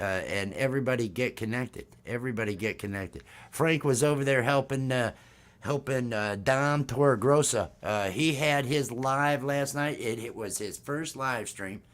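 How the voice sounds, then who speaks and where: Chatty man hosting a live stream. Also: mid-range voice. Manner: excitable, laughs often, trails off into restarts. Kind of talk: casual live stream chat.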